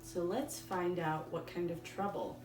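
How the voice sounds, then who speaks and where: A woman teacher reading a storybook aloud for young children, in simple, deliberate phrases. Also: lowish voice, fairly even intonation. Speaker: elementary school teacher. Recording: echoey room, distant mic, faint noise.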